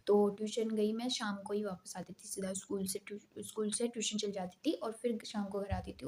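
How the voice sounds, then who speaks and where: A young woman telling a personal story in a casual, emphatic, animated way. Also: medium pitch, a little hiss or hum.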